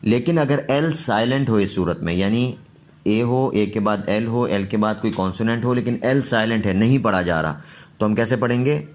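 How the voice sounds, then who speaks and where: A man teaching English pronunciation, explaining rules patiently and repeating each word slowly. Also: on the low side. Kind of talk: slow pronunciation lesson.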